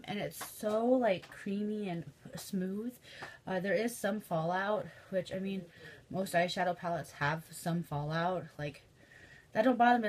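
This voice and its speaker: A woman's voice: medium pitch, a little hiss or hum. A young woman with a Midwestern American accent and a stuffy, sniffly nose, chatting casually through a makeup tutorial with lots of ums and likes. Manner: chatty, filler-heavy, says um and like often. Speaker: beauty vlogger.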